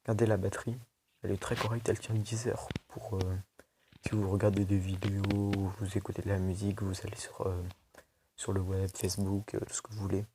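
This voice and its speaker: A man's voice: fairly low pitch, little pitch movement, fairly quick, warm tone, a little hiss or hum. A young man casually reviewing a tablet for his video channel, chatty and loose, full of fillers and restarts. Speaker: tech video host.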